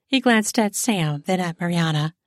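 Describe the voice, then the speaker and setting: A woman narrating an erotic audio story in a smooth, steady storytelling manner. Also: lowish voice, normal speed, no room sound, clean studio sound.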